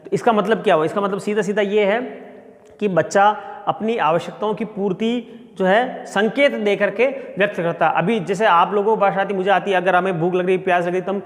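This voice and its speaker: A man's voice: high voice, steady tone, a little fast. A middle-aged male sociology professor giving a classroom lecture and explaining step by step with everyday examples. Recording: long reverb.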